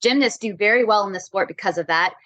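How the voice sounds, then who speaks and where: A woman's voice: medium pitch, fast, fairly bright tone, no echo. A young woman guest on an interview podcast, telling stories in an upbeat, eager way with easy laughs. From Florida, USA. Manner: upbeat, eager storyteller who laughs easily. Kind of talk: casual interview chat.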